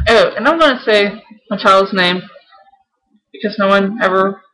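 A woman's voice: mid-range voice, normal speed, fairly bright tone, poor audio. Offhand young woman. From South Carolina, United States. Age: young adult. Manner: offhand, informal. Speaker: vlogger. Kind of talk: casual chat to camera, reading out a word list. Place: small room at home.

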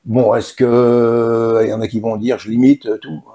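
A man, a singer from western France, chatting in an interview in a relaxed, halting way with many fillers and restarts. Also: mid-range voice. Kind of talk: casual interview chat.

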